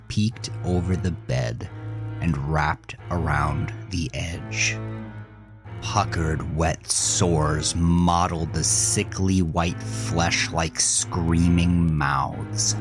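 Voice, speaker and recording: A man with a husky, low-pitched voice narrates a first-person horror story. His delivery is intense, deliberate and theatrical.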